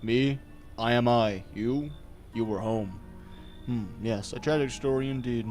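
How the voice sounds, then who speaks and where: A man voicing a calm, mysterious male fortune teller who talks slowly and cryptically. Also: mid-range voice, faint music behind, natural voice. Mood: solemn, cryptic. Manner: slow, solemn, cryptic.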